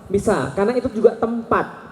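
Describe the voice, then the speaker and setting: A man in his thirties giving a lively religious talk to a live audience, questioning the crowd and joking. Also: high voice, fairly quick. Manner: animated, asks the crowd questions and jokes. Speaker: Islamic preacher. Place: large hall with an audience. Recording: echoey hall recording.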